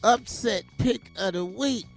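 Man putting on smooth flashy pimp swagger. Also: high-pitched, slow, faint music behind, heavily acted. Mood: boastful, playful. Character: smooth flashy pimp sports commentator, laid-back and swaggering. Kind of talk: comedic radio banter.

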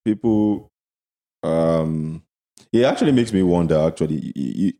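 A young man with a Nigerian accent co-hosts a casual chat from the couch. His voice is deep and dark. He banters in slang, often circling back to repeat a phrase. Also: moderate pace. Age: young adult. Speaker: podcast co-host. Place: home studio, seated on a couch.

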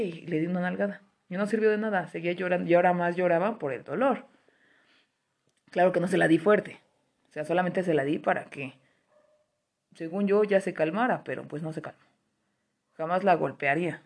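A woman's voice: fairly low pitch, gravelly, a little mellow. A woman, candidly talking about raising her daughter alone. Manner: candid, chatty, acts out quoted voices. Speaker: single mother sharing parenting experiences. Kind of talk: casual personal monologue.

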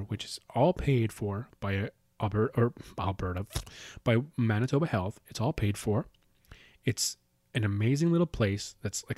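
A man's voice: lowish voice, darkish tone, no echo, clean studio sound. A man telling stories in a casual, rambling way, with lots of restarts and casual swearing. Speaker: podcast host. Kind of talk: casual storytelling.

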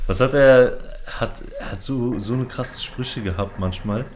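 A man's voice: medium pitch, unhurried. A man co-hosting a casual podcast, telling a story in slangy, filler-laden talk. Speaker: podcast co-host. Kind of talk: casual chat among friends. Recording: echoey room, faint noise.

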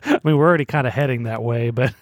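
A man's voice: mid-range voice, very fast, no echo, clean studio sound. A young man co-hosting a casual podcast, teasing his co-host and laughing often.

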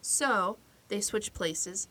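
A woman's voice: mid-range voice, extremely slow. Chatty woman retelling a story. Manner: animated retelling with acted-out quotes. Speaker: podcast co-host. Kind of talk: casual storytelling chat.

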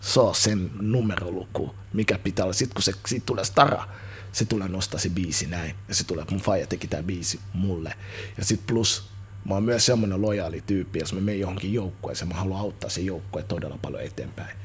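A man in his thirties with a very husky, low voice. He chats as an interview guest about coaching young footballers, energetic and slangy, often restarting his sentences mid-thought. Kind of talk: casual interview chat.

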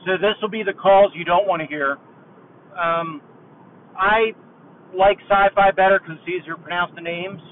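High-voiced man on a tinny car phone line. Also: normal speed, long pauses, a little hiss or hum. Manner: relaxed and chatty, thinks aloud. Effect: low-quality hands-free phone line. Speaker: caller leaving a voice message. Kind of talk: casual rambling chat. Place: driving in a car. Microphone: car hands-free phone mic.

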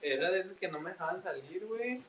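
High-voiced Mexican man telling stories. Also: quick pace, muffled recording, a loud crowd. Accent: Mexican Spanish. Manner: slangy, animated, acts out quoted voices. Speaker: podcast co-host. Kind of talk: casual storytelling among friends.

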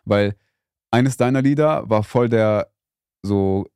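Young guy cohosting a faith podcast, kinda rambly, lots of ums, dark mellow voice. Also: on the low side, takes it slowly, clear, resonant tone, dry recording, studio quality. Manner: rambling, hesitant, many fillers. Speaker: podcast co-host. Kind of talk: casual faith podcast chat.

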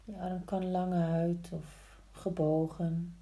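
A woman guiding a yoga practice slowly, in a soft, soothing, hushed voice with long pauses between short instructions. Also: fairly low pitch, flat delivery. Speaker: yin yoga teacher. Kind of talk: slow guided yoga instruction. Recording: roomy, echoing sound.

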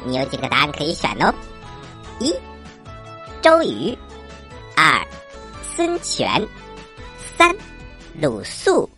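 A woman voicing a cheerful little frog quiz host for children in a playful, cartoonish frog voice with croaks. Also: low-pitched, wildly swooping pitch, takes it slowly, pauses often, sharp tone, faint music behind, heavily acted. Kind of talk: children's story show quiz segment.

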